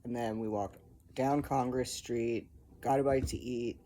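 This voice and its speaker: A man's voice: medium pitch, fairly even intonation, a little slow, dark tone, a little hiss or hum. A young man casually telling a rambling personal update from home, full of ums and likes. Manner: rambling, filler-heavy storytelling. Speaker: vlogger. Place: home, indoors. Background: faint animal noises.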